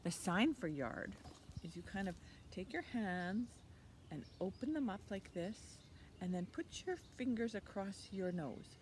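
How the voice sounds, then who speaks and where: Speaking unhurriedly in a medium-pitched, somewhat dark voice with lively intonation, this fiftyish library storytime host guides preschoolers through an interactive session. Her phrases are brief and simple, and she keeps prompting the children with encouraging questions. Outdoor ambience from a leafy backyard fills the background.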